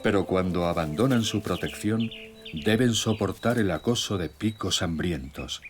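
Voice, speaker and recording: A man narrating a scripted nature documentary in a measured, solemn storytelling way. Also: low voice. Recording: music bed with nature sounds. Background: music, birdsong and nature sounds.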